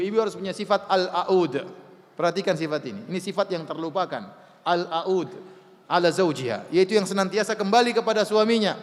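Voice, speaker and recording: A man's voice: sits high, in a large hall. A man giving a sermon to an audience, emphatic, asking rhetorical questions and answering them himself. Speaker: preacher.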